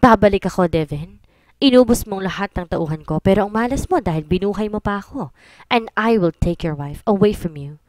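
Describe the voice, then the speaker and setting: A woman's voice: medium pitch, lively intonation, a little fast, darkish tone, no room sound, close to an everyday voice. A woman voicing a vengeful male mafia rival who threatens in a taunting manner.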